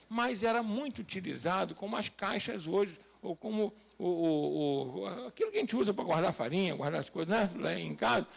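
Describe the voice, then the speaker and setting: A man's voice: high-pitched, gravelly. A male pastor delivering a sermon, peppering it with rhetorical questions to the congregation and rising to emphatic, raised passages.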